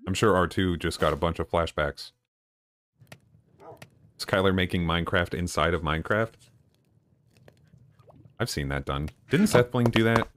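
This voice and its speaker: A man streaming a game live, chatting casually with viewers in a low-key, deadpan way. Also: measured pace, long pauses. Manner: low-key and deadpan, even when excited. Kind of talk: casual live-stream chat while gaming. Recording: noisy with clicking in the background.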